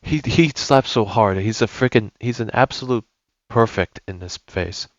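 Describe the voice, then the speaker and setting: With a fairly low voice at a moderate pace, another young gaming YouTuber gives rambling, enthusiastic play-by-play and keeps correcting himself as he goes. The sound is lo-fi, with a little hiss or hum.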